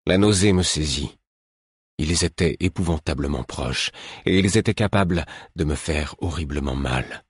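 A man reading a novel aloud in first person with a steady, measured delivery. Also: a bass voice, husky, no echo, studio quality. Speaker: audiobook narrator. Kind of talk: scripted narration.

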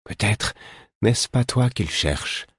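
Injured man, weak and slow, man reading, husky, low, dry. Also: lively intonation, a bit bright, no echo, full character voice. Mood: faint. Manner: slow, faint.

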